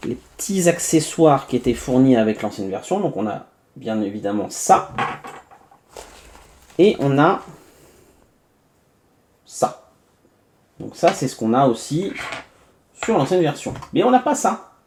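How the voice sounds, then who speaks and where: A man's voice: medium pitch, big pitch swings, unhurried, long pauses, a little mellow, a little hiss or hum. A man from France hosting a casual unboxing review, chatty and full of hesitations and little asides as he narrates each step. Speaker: tech reviewer.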